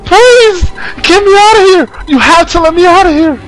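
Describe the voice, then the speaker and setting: A man voicing a terrified young woman in a video game who screams and sobs in a high falsetto. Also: animated, normal speed, a bit bright, faint music behind, rough recording. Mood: hysterical screaming. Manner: shrieking, sobbing falsetto.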